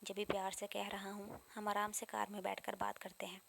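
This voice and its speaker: A woman's voice: medium pitch, completely flat delivery, gravelly, fairly bright tone. A woman narrator voicing a brash, confident young male police officer who teases and talks with self-assurance. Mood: teasing.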